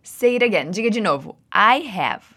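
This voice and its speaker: Brazilian-accented woman English teacher; patient, encouraging, animated pitch. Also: moderate pace, slightly rough. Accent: Brazilian Portuguese. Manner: patient, encouraging, drills repeats. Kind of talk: guided language lesson.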